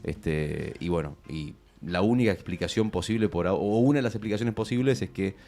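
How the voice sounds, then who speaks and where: A man's voice: low-pitched, brisk, dark tone. A man with an Argentine accent, co-hosting a radio show and explaining news points. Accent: Argentine Spanish. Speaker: radio co-host. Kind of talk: casual news commentary.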